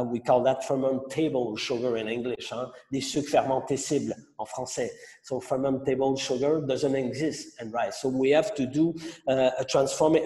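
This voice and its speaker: A man's voice: mid-range voice, mellow. Quebec-accented man in an echoey room. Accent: Quebec French. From Montreal, Quebec. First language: French. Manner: halting, many fillers and restarts. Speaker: sake masterclass host. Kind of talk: online masterclass introduction. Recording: roomy echo with long reverb.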